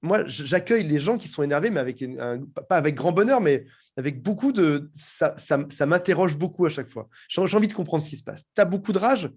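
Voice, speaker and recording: Animated man explaining with many restarts. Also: fairly high pitch, brisk, hardly any pauses, breathy edge. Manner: animated, repeats words while thinking. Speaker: guest. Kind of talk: explanatory interview talk.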